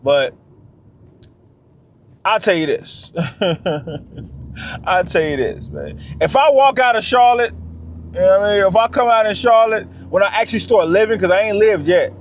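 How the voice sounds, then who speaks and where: A man's voice: sits high, big pitch swings, moderate pace, pauses often, slight background noise. A man talking straight to camera in a casual vlog, emphatic and slangy, repeating his phrases for weight. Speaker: vlogger.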